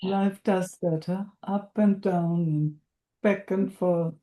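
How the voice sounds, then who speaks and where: Supportive female coach, video call, slow and gentle, warm murmuring voice. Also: on the low side, fairly even intonation, low-quality recording. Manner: soothing, quiet, murmuring.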